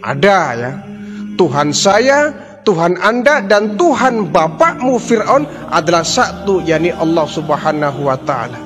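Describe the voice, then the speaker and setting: A man's voice: high-pitched, sing-song, unhurried, music in the background. A man voicing a curious young princess in a preached story, asking wondering questions. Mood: reporting.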